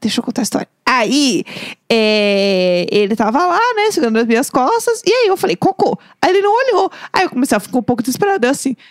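A woman in her thirties co-hosting a podcast, telling a story in a playful, animated way. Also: high-pitched, fast, no echo, studio quality. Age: 30s. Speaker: podcast co-host. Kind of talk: casual chat.

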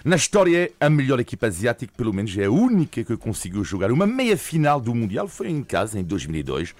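A man's voice: medium pitch, wildly swooping pitch, fast talker, a little mellow, dry recording. A man with a European Portuguese accent, hosting a radio sports segment in a playful, explanatory way.

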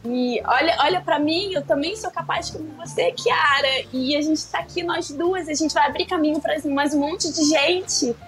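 A woman's voice: high voice, moderate pace, few pauses, fairly bright tone, faint music behind, low-quality recording. A woman talking earnestly and tearfully about a show she acted in, in a casual panel discussion.

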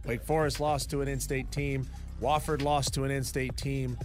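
Man, American accent, average pitch, sports radio co-host, conversational commentary, faint music bed. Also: flat delivery, normal speed.

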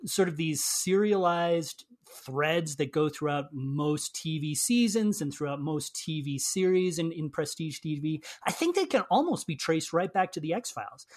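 A man's voice: on the high side, animated, moderate pace, few pauses. A man on a podcast panel, giving thoughtful and emphatic opinions. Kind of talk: casual chat.

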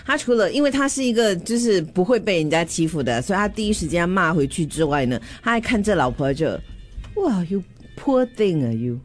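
Woman chatting quick, voice bouncy and expressive. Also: fairly low pitch, faint music behind. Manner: lively, relays a friend's story. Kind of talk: casual chat.

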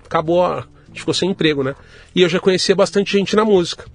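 A middle-aged man from Brazil, telling his story to an interviewer in a casual, lively way and acting out the voices of the people in it. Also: sits high, fast talker, no room sound. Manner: lively anecdotal, acts out quoted dialogue. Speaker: guest entrepreneur.

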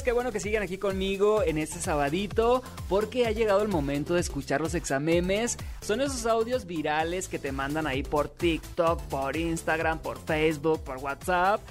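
Over soft background music, this Mexican radio host talks in a chatty, playful way about entertainment gossip. His voice sits fairly high for a man, and he regularly circles back to his signature catchphrases.

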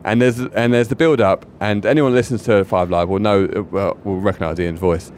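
Man, podcast co-host, excitable rambling story, low voice, faint noise. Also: a little fast. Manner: excitable rambling anecdote, many restarts. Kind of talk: casual chat.

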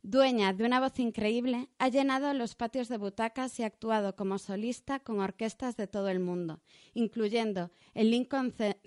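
A woman hosting a podcast, introducing a guest in a friendly, smooth manner. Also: fairly high pitch, no room sound, clean studio sound. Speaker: podcast host.

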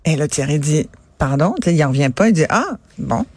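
A woman's voice: low voice, lively intonation, a little fast, darkish tone, no echo. A woman with a Québécois French accent, telling an indignant story in a casual radio chat.

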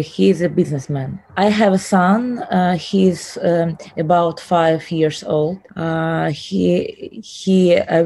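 Slow, hesitant Ukrainian-accented woman. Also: lowish voice, a little mellow. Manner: hesitant, many pauses and "uh" fillers. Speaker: interview guest. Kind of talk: interview answers in halting English.

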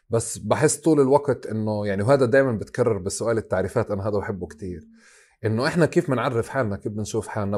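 Male interviewer, Palestinian Arabic accent, slightly low pitch, thoughtful and halting delivery. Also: darkish tone. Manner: halting, reflective, circling around questions. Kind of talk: conversational interview.

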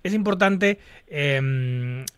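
A man's voice: fairly high pitch, lively intonation, drawn-out words, clear, resonant tone, no room sound. A man from hosting a podcast interview, agreeable and asking long, winding questions. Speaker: podcast host.

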